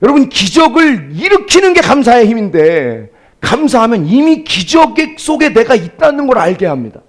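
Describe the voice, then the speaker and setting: A male pastor preaching a sermon, shifting between soft storytelling and loud, emphatic exclamations, asking the congregation rhetorical questions. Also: very high-pitched, very animated, moderate pace. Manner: addresses congregation directly, asks rhetorical questions.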